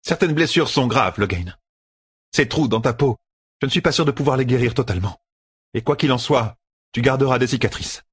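A man voicing a stern, sharp-tongued female healer in an audiobook reading, scolding and sharp. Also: medium pitch, expressive, brisk, husky, dry recording, voice pushed up. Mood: worried.

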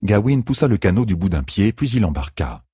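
A man narrating a fantasy audiobook in a measured, storytelling manner with a husky voice. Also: fairly low pitch, big pitch swings, warm tone, dry recording, studio quality.

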